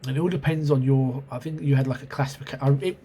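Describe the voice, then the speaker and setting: Here a man hosting his own video recalls an old role-playing game in a casual review, hesitant and rambling, with many ums and self-corrections, while nursing a cold and sore throat. His mid-range voice is mellow, quick-paced and fairly even in intonation. He's a role-playing game reviewer recording on a camera mic at home.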